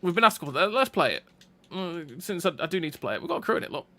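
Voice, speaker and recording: A man's voice: a little high, big pitch swings, sharp tone. A man giving casual gameplay commentary, chatty and thinking aloud as he plays. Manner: chatty, thinks aloud with restarts and quick reactions.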